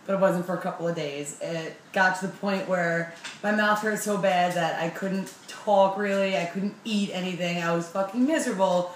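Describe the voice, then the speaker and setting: Profane, animated young woman telling a story. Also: on the low side, normal speed, a little hiss or hum. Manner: animated, profane, self-mocking. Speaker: vlogger. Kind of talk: casual storytelling. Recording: roomy with faint ambience.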